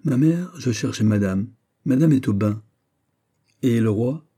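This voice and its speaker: Guy doing a petulant jealous prince, whiny, gets shrill, dark husky tone. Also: animated, unhurried. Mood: sulky. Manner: whining, sulky, rising to shrill outbursts. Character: petulant jealous royal prince, young man.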